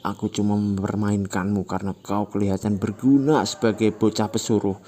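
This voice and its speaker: A man voicing a manipulative, cruel young woman from a comic recap, speaking in a mocking falsetto. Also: steady tone, a little fast, warm tone, lightly acted. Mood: scornful.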